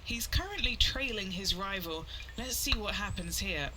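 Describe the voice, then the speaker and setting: A man's voice: high voice, lively intonation, moderate pace, bright, forceful tone, slight background noise, exaggerated voice, rough recording. A man playing an on-course golf commentator in a sports video game, giving short updates on a player. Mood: attentive. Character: male on-course golf reporter following a rival.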